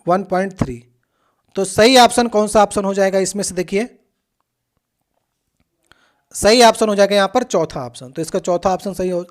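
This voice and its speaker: A coaching teacher works through previous exam questions in a steady, explanatory way. The teacher speaks directly to the students and keeps checking in with a quick "okay" before moving on. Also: mid-range voice.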